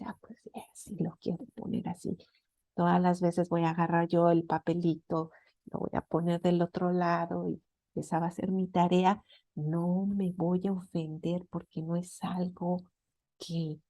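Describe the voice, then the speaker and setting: Gravelly-voiced woman sharing a testimony. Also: mid-range voice, mellow, dry recording. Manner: conversational, with many fillers and laughs, acting out dialogue. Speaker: speaker at a church meeting. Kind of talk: personal testimony talk.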